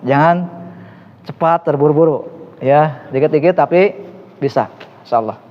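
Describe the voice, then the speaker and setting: High-voiced man teaching Arabic. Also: moderate pace. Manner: encouraging, praises answers often. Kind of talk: classroom Arabic lesson. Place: mosque classroom. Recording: dull reverberant room recording.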